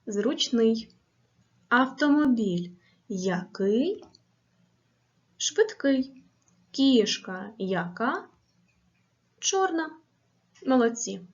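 Slow, clear woman teaching grammar. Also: fairly high pitch, very animated, lo-fi sound. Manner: slow, clear, deliberate dictation with question-and-answer drills. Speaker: primary school teacher. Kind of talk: video grammar lesson for children.

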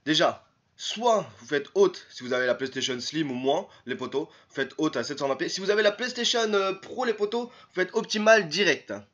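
A man's voice: on the high side, lively intonation, moderate pace, a bit bright. A young man with a French accent, walking viewers through a casual screen-recorded tutorial in a chatty, repetitive, rambling way. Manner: chatty, repetitive, keeps saying "les potos"; rambling, with many restarts and "hop". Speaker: tutorial youtuber.

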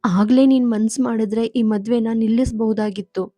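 A woman's voice: fairly high pitch, fairly even intonation, moderate pace, dark tone, no room sound, close to an everyday voice. A woman narrator voicing an aging mother who pleads and reproaches through sobs. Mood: tearful. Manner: sobbing, reproachful.

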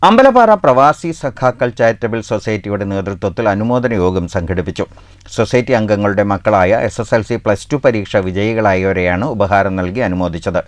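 A male anchor with a Kerala Malayalam accent reads short news headlines. His voice sits fairly low, and the studio sound is dry and close. The delivery is brisk and businesslike. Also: expressive, no room sound.

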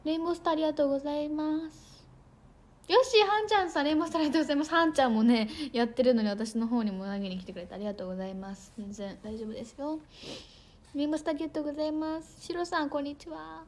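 A woman's voice: sits high, steady tone, very fast, a little mellow. A young woman idol livestreaming in casual chat, bubbly and chatty, thanking viewers for gifts and sometimes tripping over her words.

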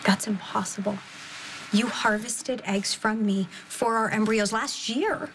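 An actress playing an anxious, insistent young wife in a television soap opera, urgent and pleading. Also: female voice, mid-range voice, fairly even intonation, unhurried, a little hiss or hum. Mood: distressed. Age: young adult. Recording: loud background music under dialogue.

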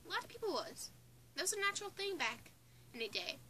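An eighteen-year-old woman from Newfoundland, Canada, with a Newfoundland English accent, vlogs her opinions casually from a small bedroom, sitting indoors under a bunk bed. Her extremely high voice swings widely in pitch and sounds fast and sharp as she rambles with restarts and giggles. A phone or webcam sits close in front of her, with slight background noise.

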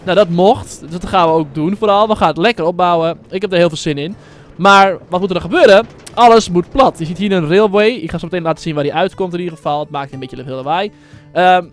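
A man hosting his own gaming channel, giving casual, rambling commentary full of fillers and slang. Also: high voice.

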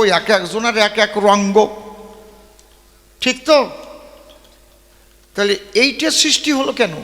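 Man, folk poet-singer on a stage, gravelly, bright, long reverb. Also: sits high. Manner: rhetorical, teasing the audience with questions. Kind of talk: stage debate speech with rhymes and verses. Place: open-air stage.

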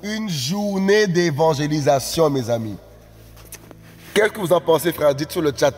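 A man preaching a live-streamed sermon, exclaiming and repeating phrases, often rising into shouted appeals. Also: on the high side, expressive, unhurried. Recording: reverberant room with faint music.

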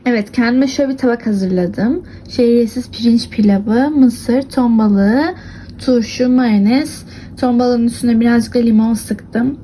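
Chatty high-voiced young woman from Adana. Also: warm tone, slight background noise. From Adana, Turkey. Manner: chatty, complaining, often laughing. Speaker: vlogger. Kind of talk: casual daily vlog. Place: indoors at home, then outdoors in hot streets.

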